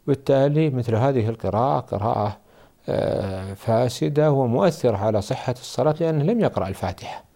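Male religious scholar, gravelly and dark in tone, measured explanatory delivery. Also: medium pitch, lively intonation. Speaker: Islamic scholar. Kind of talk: religious Q&A answers.

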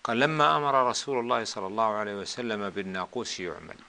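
A man teaching a lesson who stops the reader with brief corrections and then explains the religious texts calmly. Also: lowish voice, racing, gravelly.

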